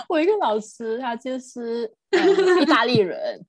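A young Malaysian woman co-hosts a relaxed podcast chat, her voice rising and falling in animated swings. She laughs often and sits slightly high in pitch. The recording is dry and close. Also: a little slow, no echo. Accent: Hokkien-tinged Malaysian Mandarin. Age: young adult. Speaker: podcast co-host. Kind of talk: casual chat.

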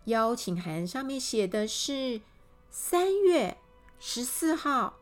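Woman telling a kids' story, super animated, slow and drawn out, soft music behind. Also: a little high. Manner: animated, talks directly to children. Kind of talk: children's story reading.

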